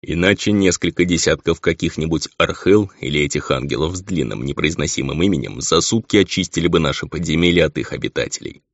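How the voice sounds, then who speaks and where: A man reading an audiobook, voicing a hot-tempered red-haired demon lord with a gravelly voice. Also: rumbling low, fast talker, few pauses, dry recording. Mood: brooding. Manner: furious ranting. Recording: dull lo-fi audio.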